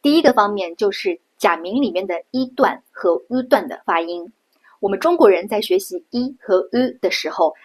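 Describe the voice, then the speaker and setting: A middle-aged woman from China giving a patient pronunciation lesson, slowing down and repeating sounds to show them. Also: medium pitch, husky. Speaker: Japanese language teacher.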